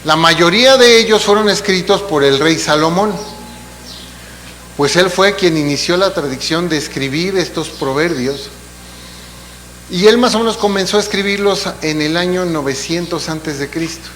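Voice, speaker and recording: A man's voice: high-pitched, normal speed, fairly bright tone. A man preaching a sermon in a church, explaining in a conversational way with asides and rhetorical questions. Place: church hall. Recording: long hall reverb, faint hum.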